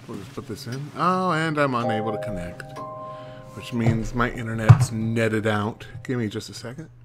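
Over loud music, a man with a lowish voice talks at a moderate pace while streaming a horror game. He chats and reads the in-game notes aloud, now and then tripping over names, in typical let's-play commentary.

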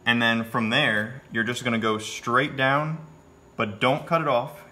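A man's voice: medium pitch, fairly even intonation, measured pace, pushed and bright. A young man in his twenties narrating his fishing trip from a small boat, upbeat and counting catches as he goes. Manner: upbeat, play-by-play tallying catches. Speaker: fishing vlogger. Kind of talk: casual fishing vlog narration. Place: small boat on a river, outdoors. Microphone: handheld phone camera. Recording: noisy outdoor phone recording.

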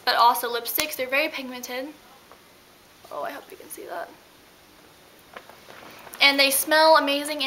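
A young woman chatting excitedly about her favorite products in a casual home vlog, out of breath and rambling. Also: high voice, a little hiss or hum, low-quality recording. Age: young adult. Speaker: beauty vlogger. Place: at home indoors.

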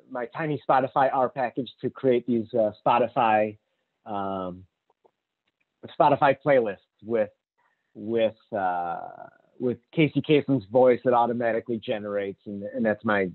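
Man, conference speaker, rambling, lots of ums, tinny narrow audio, mid-pitched. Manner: rambling with many fillers and restarts. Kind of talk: casual technical talk.

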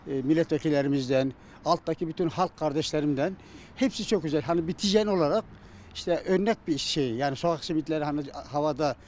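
A middle-aged man from Turkey answering informally in an interview, halting and often stumbling over his words. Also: a little high, a little mellow. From Çorum, Turkey. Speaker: interviewee, simit seller and retired civil servant. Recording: faint outdoor street noise.

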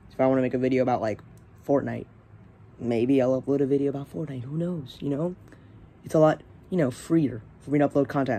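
A man's voice: mid-range voice, mellow. A teenage young man hosting his own channel, talking casually and hesitantly with many fillers and restarts. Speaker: channel host. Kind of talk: casual rambling vlog.

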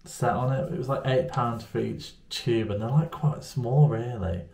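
This man's medium-pitched, slightly mellow voice moves at a moderate pace as he vlogs from a small room at home. He chats casually and self-deprecatingly in a rambling way to a camera at arm's length, with roomy echo in the recording.

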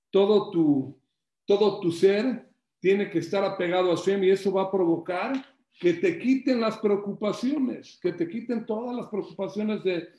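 Male Torah teacher, high and lively, repeats himself; roomy echo. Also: lo-fi sound. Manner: animated, repeats phrases, acts out stories. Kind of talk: religious class.

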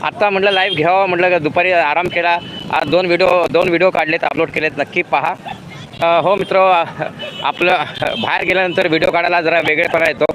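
A man's voice: a little high, fairly even intonation, a little fast, fairly bright tone, a little hiss or hum. A man in his fifties chatting to viewers on a live vlog while walking a road at night, full of fillers and restarts. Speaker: vlogger. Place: outdoors on a city road at night.

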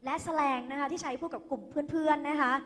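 A Thai woman teaching an English lesson to a class, lively and coaxing, leading the students through pronunciation drills. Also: high voice, quick pace. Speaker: English tutor. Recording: echoey hall, phone recording.

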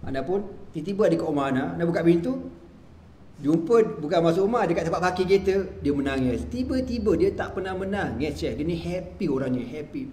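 A man's voice: on the high side, lively intonation, fast talker, darkish tone, echoey room, a little hiss or hum. A man with a Malaysian accent, a religious teacher giving a sermon and telling a story, acting out the quoted dialogue. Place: mosque prayer hall.

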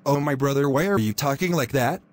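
Brief: a man playing a calm, reassuring pastor, soothing delivery. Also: mid-range voice, fairly quick, close to an everyday voice. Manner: soothing, consoling. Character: gentle, reassuring male pastor. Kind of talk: animated drama voice acting.

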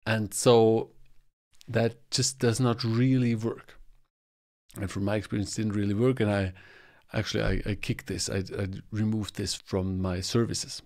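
A man's voice: on the low side, steady tone, a little slow, darkish tone. A man in his forties hosting a solo podcast in a small home studio. He explains things at length and gestures with his hands as he talks into a close podcast mic. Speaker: podcast host. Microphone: podcast mic on boom arm, close.

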